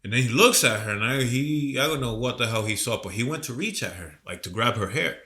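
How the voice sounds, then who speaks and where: A man with a cold co-hosts a casual podcast, spinning a profane, rambling story. His voice is bright and ringing. His pitch jumps around a lot as he talks. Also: lively intonation, brisk. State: sick with a cold. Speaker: podcast co-host.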